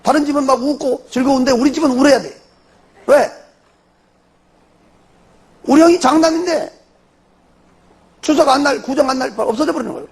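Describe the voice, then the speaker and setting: A middle-aged man with a Jeolla Korean accent, a pastor giving a testimony sermon as animated storytelling full of rhetorical questions. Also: very high voice, moderate pace, long pauses.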